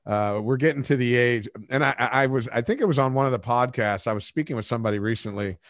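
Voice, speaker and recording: A man's voice: mid-range voice, fast. A man in his forties hosting a podcast, telling self-mocking stories in a rambling way with restarts, on a studio microphone. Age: 40s. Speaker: podcast host. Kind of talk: casual interview chat. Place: home studio room. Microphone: studio microphone with headphones.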